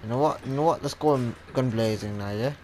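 A man doing let's-play commentary, playfully shouting taunts at game enemies and swapping curse words for silly ones. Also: medium pitch, fast, a little hiss or hum. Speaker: gamer.

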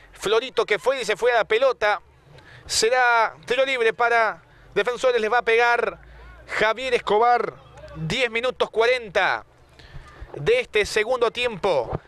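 A man's voice: sits high, bright, forceful tone, clear, resonant tone. A man calling a football match live, play by play.

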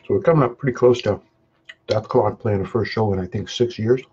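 A man's voice: brisk, a little mellow. A man casually chatting on a live webcam stream while eating spicy pizza, humming and chewing between short remarks, sweating from the peppers. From Canada. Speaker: hot sauce vlogger. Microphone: webcam mic. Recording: dull low-fi webcam audio with faint noise.

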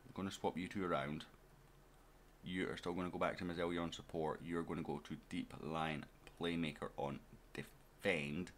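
A man's voice: low-pitched, level tone, moderate pace, slight background noise. A man giving casual let's-play commentary as a gaming YouTuber, chatting straight to his viewers and to his players.

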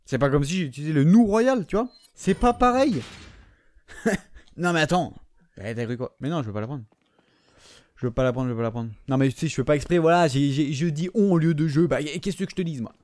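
A man's voice: a little high, fairly quick, a little mellow, no echo. A young man with a French accent commentating his own gameplay, joking, swearing and talking to the viewers and to the game characters. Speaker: gaming commentator. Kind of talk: let's play commentary.

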